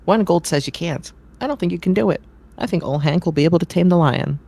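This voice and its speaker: A man's voice: a little high, quick pace, gravelly, darkish tone, voice pushed up. A man putting on a teasing circus woman. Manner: teasing, wagering. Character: teasing, confident female circus performer.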